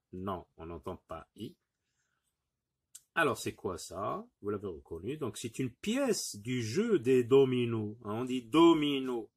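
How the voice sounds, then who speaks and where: A man's voice: mid-range voice, breathy edge. A man teaching a phonics lesson to young pupils, patiently sounding out words syllable by syllable and encouraging the class. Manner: repeats words slowly, syllable by syllable.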